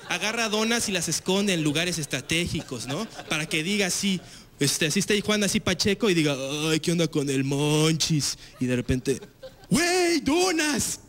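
A young Mexican man with a Mexican accent doing a slangy, casual stand-up comedy set on a TV stage. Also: high-pitched. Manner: loose, slangy, frequent filler tags. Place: TV studio stage with live audience.

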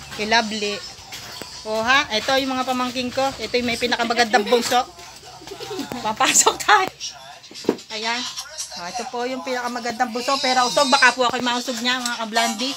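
A vlogger in her thirties, her voice a little high and steady at a moderate pace, gives a chatty, giggly selfie tour of a rural farm, calling her viewers "mga kablandi." She holds the phone at arm's length outdoors, and the recording picks up outdoor noise.

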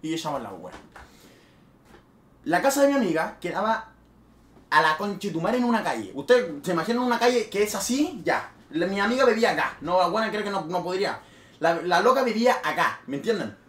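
Animated young Chilean man telling a story. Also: high voice, a little fast. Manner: animated, swears freely, with sudden loud bursts. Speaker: streamer. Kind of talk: casual storytelling. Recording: roomy echo.

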